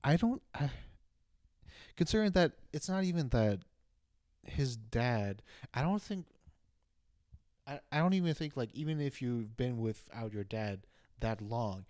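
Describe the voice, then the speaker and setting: A young man co-hosting a podcast, voice at an everyday middle pitch, talking in excited rambling bursts full of restarts. The sound is dry and close, with no room around him. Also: a little slow, long pauses, dry recording. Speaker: podcast co-host. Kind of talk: casual chat.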